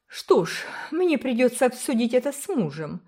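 A woman voicing a brisk, kindly older village woman who speaks firmly and emphatically. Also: fairly high pitch, sing-song, a little mellow, slightly rough, voice pushed up. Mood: emphatic. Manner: firm, emphatic, motherly.

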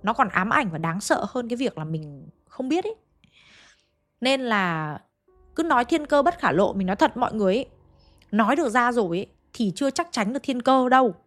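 A woman's voice: on the high side, animated, a little fast. A woman telling a ghost story in a chatty, conversational way, often speaking straight to her listeners. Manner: chatty, addresses listeners directly. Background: faint background music.

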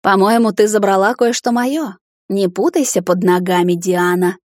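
Storybook villainess: taunting witch mother, read by a woman, mid-pitched, commanding. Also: moderate pace, a little mellow, no room sound, clean studio sound, close to an everyday voice.

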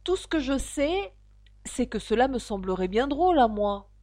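A woman's voice: on the high side, big pitch swings, normal speed, a little mellow, no room sound, studio quality, pitched above the performer's own voice. Woman voicing a polite, flustered storybook girl. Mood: earnest. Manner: polite, earnest, a little flustered. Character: polite, confused young girl.

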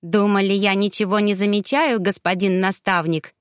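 A cruel young heir talking down with cold, sneering arrogance, as a woman reads him. The voice sits at a middle pitch and is recorded close and dry. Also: fairly even intonation, normal speed, no echo, lightly acted. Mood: gloating. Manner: sneering, haughty.

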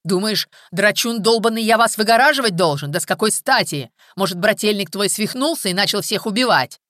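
A woman's voice: mid-range voice, brisk, no room sound, clean studio sound, voice pushed up, close to an everyday voice. A woman doing a scornful, provoking man. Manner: loud, sneering, provoking. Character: hard, scornful grown man. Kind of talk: audiobook character voice.

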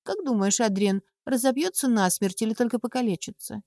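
A woman's voice: a little high, lively intonation, fairly quick, dark tone, no room sound. A woman voicing a scheming noble duchess who gives orders in a coaxing, imperious way. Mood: mocking.

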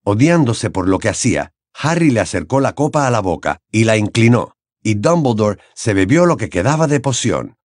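A male audiobook narrator reading a fantasy novel in an expressive, dramatic way. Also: on the low side, normal speed, no room sound, studio quality. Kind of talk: scripted narration.

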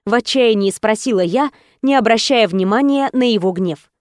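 A woman narrates an audiobook in the first person, earnest and emotional. Her voice sits fairly high. It is recorded close and dry in a studio. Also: moderate pace, no room sound.

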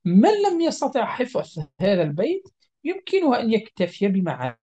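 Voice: mid-range voice, wildly swooping pitch, a little fast, mellow, breathy edge. A Quran recitation teacher giving a methodical, step-by-step lesson, repeating each example and drawing out the nasal sounds to show them.

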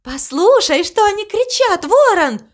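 A woman voicing a kind, motherly cow in a storybook reading, in a raised, gentle voice. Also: sing-song, a little slow, exaggerated voice. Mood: excited. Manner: high, gentle, encouraging.

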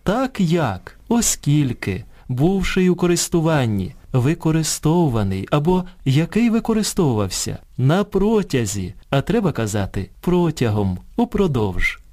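Man, radio presenter, scripted lesson narration, fairly high voice, animated pitch. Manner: measured reading that contrasts correct and incorrect forms one by one. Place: radio studio.

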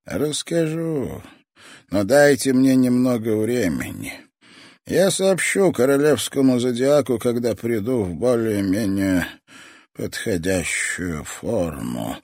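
Man reading as a sinister elderly toy master, slow, wavering, raised pitch, breathy. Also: sing-song, darkish tone, no room sound, clean studio sound. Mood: secretive, fading. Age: older. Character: frail, sinister old male toy master.

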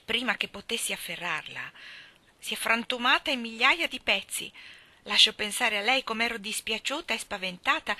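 A woman's voice: mid-range voice, bright, forceful tone, dry recording. A woman voicing an anxious, devoted young maid girl, speaking earnestly and in a worried rush.

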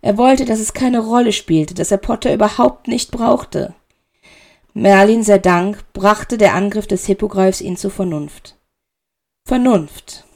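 Woman narrator, audiobook reading, slow measured dramatic, gravelly voice. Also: mid-range voice, darkish tone. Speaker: reader. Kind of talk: audiobook narration of fan fiction.

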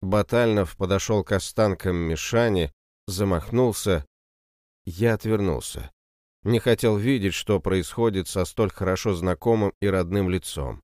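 Low-voiced male audiobook narrator. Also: a little slow, darkish tone, no room sound, clean studio sound. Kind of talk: scripted first-person fantasy narration.

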